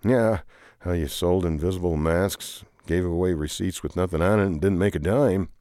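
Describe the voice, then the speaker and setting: A man's voice: low voice, moderate pace, dark tone, no echo, clean studio sound. A man telling an improvised comic story with two bickering characters, rambling and often groaning and humming along. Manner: rambling, with frequent groaning "ugh"s and playful humming.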